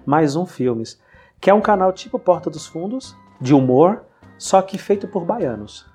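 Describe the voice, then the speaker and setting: A man hosting a casual podcast conversation, telling anecdotes in a lively way. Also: a little high, measured pace, slightly rough, soft background music. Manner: storytelling, animated retelling of anecdotes. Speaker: podcast host. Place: lives in São Paulo.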